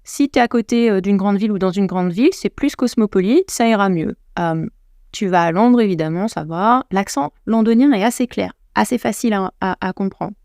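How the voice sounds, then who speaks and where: Speaking at medium pitch and a moderate pace, a French woman who coaches English gives chatty advice on her podcast, addressing the listener and frequently starting over. Her voice is a little mellow, and the studio-quality recording has no echo.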